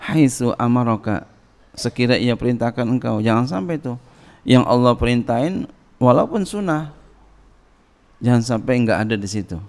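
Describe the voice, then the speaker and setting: A middle-aged man, teaching a sermon from a classical Islamic text and translating Arabic phrases slowly into casual speech. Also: mid-range voice, lively intonation. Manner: reads Arabic phrases then translates them slowly, with casual Jakarta slang asides. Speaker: religious teacher.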